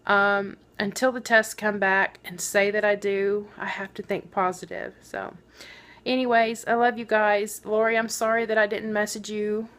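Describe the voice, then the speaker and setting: A woman talks into her camera for a personal video diary, her voice sitting at an ordinary pitch for a woman. She speaks in a subdued, halting way, with long pauses and many fillers. She is holding back tears throughout. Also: little pitch movement, fairly bright tone. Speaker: vlogger.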